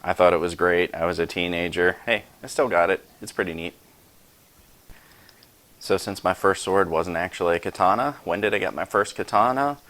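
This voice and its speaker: A man's voice: low-pitched, moderate pace, fairly bright tone. A man in his forties casually showing off his collection at home, chatty and self-deprecating, with rambling asides. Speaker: YouTube host showing his sword collection. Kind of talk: casual show-and-tell vlog.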